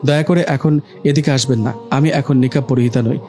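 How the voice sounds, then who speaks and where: A man's voice: medium pitch, steady tone, fairly quick, mellow, faint music behind, close to an everyday voice. A man reading a devout, firm young woman.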